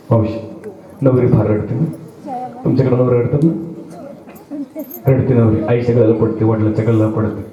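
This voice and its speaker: A man preaching a devotional sermon with humor, rhyming in a sing-song and speaking directly to his listeners, heard through an echoey, dull loudspeaker from a distance. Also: medium pitch. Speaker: kirtan preacher. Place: public religious gathering over loudspeakers. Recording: echoey, dull PA sound from far off.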